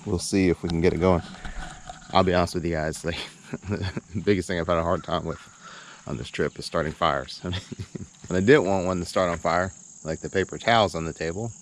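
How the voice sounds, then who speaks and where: A man hosts a relaxed camping vlog from a campsite, his narration rambling and hesitant with easy chuckles amid outdoor background noise. He speaks briskly in a low-sitting voice with a steady tone.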